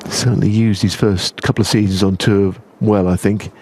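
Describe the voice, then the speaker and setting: A man giving understated, analytical snooker commentary in the hushed, measured manner of a golf commentator. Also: on the low side, steady tone, a little hiss or hum.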